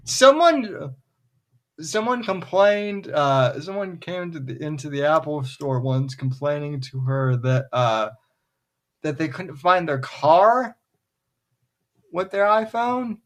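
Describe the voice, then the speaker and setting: Male co-host, slow-talking, stumbles and restarts sentences, slightly high voice. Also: animated. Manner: halting, repeats words as he starts sentences. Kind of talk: casual podcast chat.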